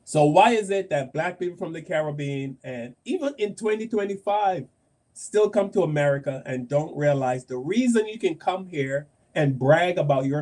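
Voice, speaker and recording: A man's voice: a little high, dark tone. A man from Barbados hosting a podcast panel, making a passionate, emphatic argument and repeating phrases for force. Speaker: host.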